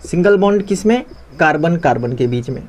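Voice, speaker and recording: A man's voice: on the high side, lively intonation, fairly quick, a little mellow. A young man teaching a lesson in a conversational, classroom style. He asks questions and answers them himself, repeating the key terms.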